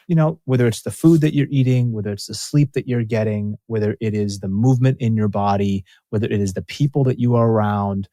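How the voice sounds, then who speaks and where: A man's voice: medium pitch, mellow, no room sound. A man talks as a guest on a podcast, earnest and motivational, pressing his points with emphasis and frequent restarts. His voice sits in an ordinary middle range. The sound is dry and close, with no room around it. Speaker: podcast guest, former racing athlete. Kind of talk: casual interview conversation.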